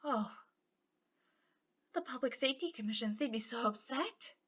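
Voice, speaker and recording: In an ASMR roleplay, a woman plays a bitter, taunting villainess who was once a hero, her breathy voice often sinking into whispers with a mocking, conspiratorial drawl. Her pitch sits a little high, with lively intonation, a moderate pace, and a slightly bright tone.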